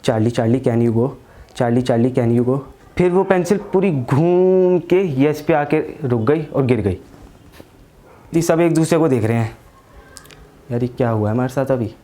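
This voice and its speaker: A man's voice: medium pitch, lively intonation, measured pace, long pauses, mellow. A young man doing stand-up comedy, telling a story in a crude, slangy way and acting out his friends' lines.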